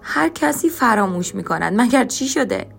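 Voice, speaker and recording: Woman doing a scared boy pleading in a shaky voice, a bit higher than her usual, audiobook. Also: big pitch swings, vocal fry, soft background music, exaggerated voice. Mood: frightened. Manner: trembling, pleading. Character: timid, frightened young son.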